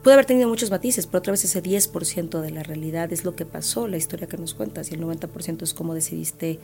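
A woman's voice: on the low side, fast talker, creaky, faint music behind. Empathetic woman podcast host. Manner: empathetic, explains her ideas calmly. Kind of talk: conversational interviewing.

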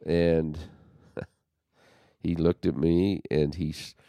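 He's the host of a conversation, a lively storyteller who shares something personal and voices the quotes himself. Deep, creaky, and clean in tone, his voice moves slowly. There's no room sound in the recording.

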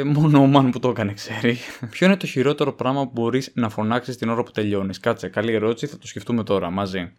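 Young guy rambling jokes into his podcast mic, middle pitch, gets loud and squeaky at punchlines. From Greece. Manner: joking, animated, with sudden jumps in pitch. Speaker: podcast host, stand-up comedian. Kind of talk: casual comedic monologue.

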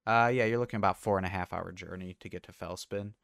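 A man narrating a tabletop game as game master in a relaxed way, with many fillers. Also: deep voice, fast talker, gravelly, clear, resonant tone, no room sound, clean studio sound.

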